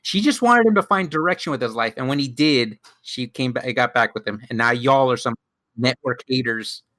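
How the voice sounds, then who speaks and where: Man, podcast host, casual chat, ironic, bright tone, dry sound. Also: mid-range voice, normal speed, dry recording.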